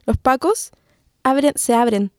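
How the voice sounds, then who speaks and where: A woman's voice: high-pitched, lively intonation, unhurried. A woman with a Chilean accent, co-hosting a podcast, telling a story in casual chat full of slang and laughter. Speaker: podcast co-host.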